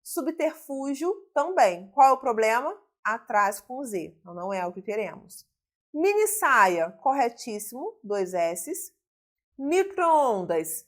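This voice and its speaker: A woman with a Brazilian accent leads a grammar lesson, working through exam questions out loud. Her voice sits a little high. She stretches each word slowly, then rattles off a quick clipped verdict. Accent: Brazilian Portuguese. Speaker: teacher.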